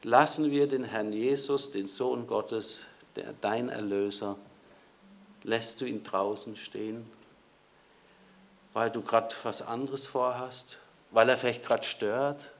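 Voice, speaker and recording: A man's voice: mid-range voice, fairly even intonation, takes it slowly. A man preaching a sermon in a conversational way, speaking directly to his listeners.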